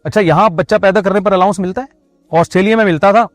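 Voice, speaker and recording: A man preaches a religious sermon, keeping it conversational with joking asides to his listeners. His voice sits fairly high. The sound is dry, with faint music underneath. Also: quick pace, dry recording. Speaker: Islamic preacher.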